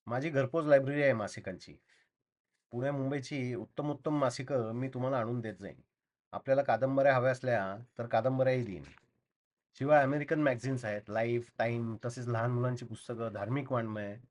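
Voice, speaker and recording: A man's voice: medium pitch, fairly even intonation, brisk, a little mellow, close to an everyday voice. A man reading the part of an earnest young door-to-door librarian, talking in eager, apologetic salesman patter.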